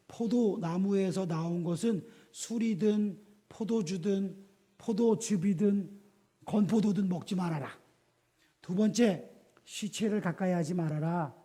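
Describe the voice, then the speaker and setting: A male pastor preaching a lively sermon in a church, asking the congregation questions and acting out the people he quotes. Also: high voice, slightly rough. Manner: animated, asks the congregation rhetorical questions; acts out quoted voices within the sermon.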